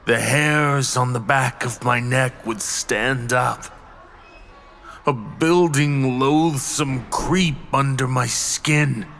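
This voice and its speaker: A haunted, reclusive artist, played by a man, unburdens himself in a slow, hushed, brooding tone. His pace drags, and each word lands heavily. A faint hiss sits under the recording. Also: medium pitch. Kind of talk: horror story reading.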